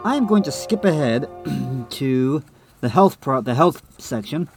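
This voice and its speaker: A slightly nasal male co-host on an easygoing podcast reads passages out and adds blunt, off-the-cuff remarks. His mid-range voice is expressive and measured in pace, heard over music.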